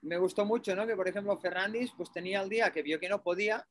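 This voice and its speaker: Higher-pitched man from Spain, casual chat. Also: fast.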